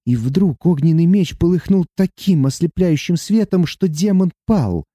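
A man's voice: fairly high pitch, animated, unhurried, dark tone, no echo, studio quality, pitched above the performer's own voice. A man voicing an emotional young heroine who speaks earnestly and tearfully, in a raised voice. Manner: earnest, tearful, breathless pleading.

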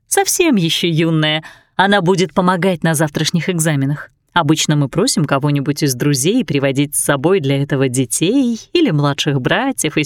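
A woman reading aloud, voicing an affectionate old fairy nanny who soothes and gently scolds. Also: lowish voice, no room sound, clean studio sound.

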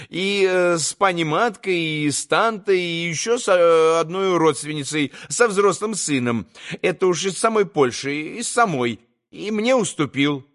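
A man's voice: high-pitched, fairly bright tone. A man reading an audiobook, voicing a servile, giggling old landowner who stammers and hedges politely. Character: fawning old male landowner, giggling and hesitant.

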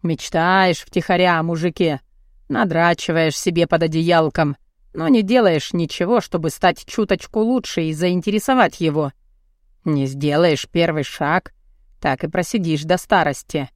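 A woman's voice: on the low side, moderate pace, dry recording, studio quality, voice pushed down, natural voice. A woman voicing a crude, cocky young muscleman who taunts and speaks bluntly in an audiobook. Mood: mocking. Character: crude cocky muscular young man, mocking and pushy. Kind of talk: audiobook character voice.

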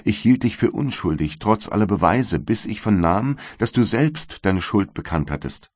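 A man's voice: lowish voice, animated, normal speed, no room sound, clean studio sound, voice pushed up. Man reading as Elisabeth, a grieving young noblewoman. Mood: pleading. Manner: sorrowful, pleading.

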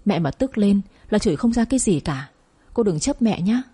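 A woman voicing a kind young sister-in-law who gently comforts and advises, in an audio story. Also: mid-range voice, expressive, normal speed, husky. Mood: soothing. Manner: soothing, coaxing.

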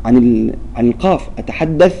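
A man's voice: medium pitch, expressive, a little fast, creaky, warm tone, lo-fi sound, slight background noise. A man teaching a Quran recitation lesson, explaining step by step and checking with his students that they follow. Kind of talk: classroom lesson.

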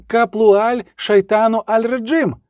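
A man performs a desperate young scholar bellowing a bogus exorcism, his voice leaping high and swinging wildly from word to word in a booming storybook chant. It sounds dry and close. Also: expressive, slow pace, darkish tone, no echo. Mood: barking. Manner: howling, booming incantation.

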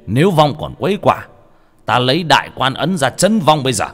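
A man's voice: medium pitch, big pitch swings, fairly quick, a bit bright, faint music behind, voice pushed up. A man playing a stern exorcist master. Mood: commanding. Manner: stern, commanding. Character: stern male exorcist master, commanding, stubborn.

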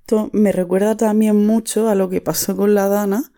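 A woman's voice: mid-range voice, little pitch movement, normal speed, dark tone. A woman from Andalusia with an Andalusian Spanish accent, talking frankly and with feeling on the radio, acting out the voices of the people she quotes. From Andalusia, Spain. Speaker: radio guest. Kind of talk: casual radio talk.

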